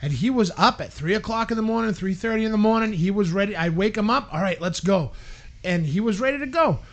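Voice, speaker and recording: A man telling a story on a podcast, acting out quotes and shouting at the big moments. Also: high voice, fast talker, dull audio. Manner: animated storyteller, acts out quotes, shouts at peaks. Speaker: podcast co-host. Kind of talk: casual storytelling chat.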